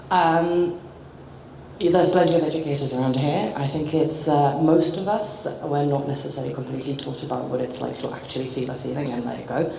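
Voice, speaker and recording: A woman's voice: deep voice, dark tone. A woman from the Czech Republic with a London British accent, speaking as a psychotherapist in a group discussion with hesitant, reflective phrasing. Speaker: psychotherapist and audience contributor. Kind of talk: spontaneous comment at a group discussion. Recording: echoey room, background noise.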